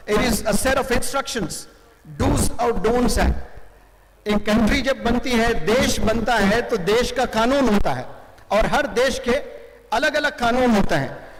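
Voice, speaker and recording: Slow emphatic man lecturing in a hall. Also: sits high, slight background noise. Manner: slow, emphatic, mixing Hindi-Urdu with English. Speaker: motivational speaker. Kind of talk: motivational lecture to students. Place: large hall with audience. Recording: reverberant hall.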